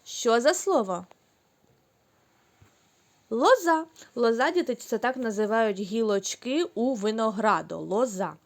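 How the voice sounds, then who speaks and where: A woman teacher speaks to small children, slowly and distinctly, stretching each syllable. Her voice is fairly high and very lively, rising and falling all the time. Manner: slow, clear, drawn-out syllables for children. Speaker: kindergarten teacher. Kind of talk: recorded online lesson for young children.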